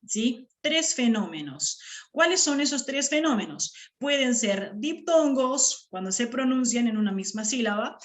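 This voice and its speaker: A woman teaching a grammar lesson to her class, stretching words out syllable by syllable and checking in with short questions. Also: fairly high pitch.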